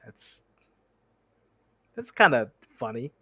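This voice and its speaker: A man's voice: mid-range voice, sing-song, takes it slowly, pushed and bright, breathy edge, no room sound. A young man reading a novel aloud on a stream who trips over words and stops to comment. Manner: reads steadily, stumbles on words and stops to comment. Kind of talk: reading a book aloud with asides.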